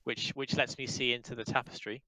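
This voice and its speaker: A man ribbing his friends with quick insults during a board game over a voice call. His voice is at an everyday middle pitch. The sound is close and dry. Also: flat delivery, pushed and bright, no room sound, poor audio. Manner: teasing, quick with insults and jokes. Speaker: player in a board game session. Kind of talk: casual gaming chat over voice call.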